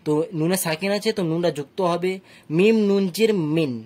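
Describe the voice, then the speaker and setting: A man's voice: high voice, fairly quick, a little mellow. A man with a Bangladeshi Bengali accent teaching Quran reading, patiently spelling out letters and vowel marks one syllable at a time. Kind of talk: slow syllable-by-syllable recitation lesson.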